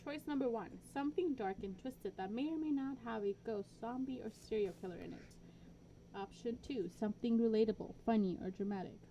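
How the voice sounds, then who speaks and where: A woman's voice: on the high side, fairly quick, dark tone, slight background noise, poor audio. A woman co-hosting a podcast in casual chat, dry and offhand, reading quiz questions aloud. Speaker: podcast co-host.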